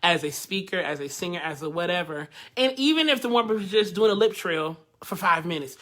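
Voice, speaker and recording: A man's voice: sits high, lively intonation, a little fast, sharp tone. A man teaching a live online vocal workshop, chatty and interactive, laughing often and greeting viewers by name.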